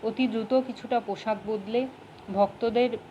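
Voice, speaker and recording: A woman narrating an audiobook in a steady, measured reading voice. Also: a little high, muffled recording, noisy background. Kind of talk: storybook narration.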